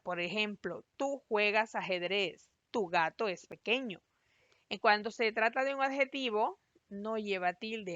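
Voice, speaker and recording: A woman teacher giving a recorded class, explaining patiently and spelling out syllables slowly. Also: medium pitch, fairly bright tone, no room sound. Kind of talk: recorded online class lesson. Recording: dry, slightly dull lo-fi voice-over.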